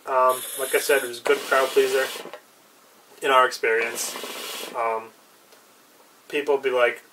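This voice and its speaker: A man's voice: medium pitch, level tone, measured pace. A young man chatting casually in an unscripted review, laid-back and a bit hesitant, trailing off. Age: young adult. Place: small cluttered indoor room with brick wall. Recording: distant mic, clear background noise.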